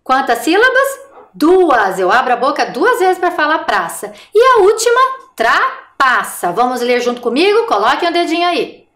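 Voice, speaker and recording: A woman teaching young children in a recorded remote class, encouraging and speaking slowly and clearly. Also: high voice, very animated, fairly bright tone, echoey room. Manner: encouraging, sing-song, slow and clear for children. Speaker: primary school teacher.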